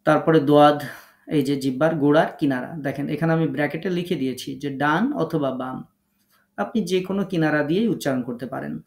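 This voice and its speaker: A man's voice: fairly high pitch, fast talker, echoey room. A man teaching an online class on how letters are pronounced, explaining patiently and step by step. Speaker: Quran recitation teacher.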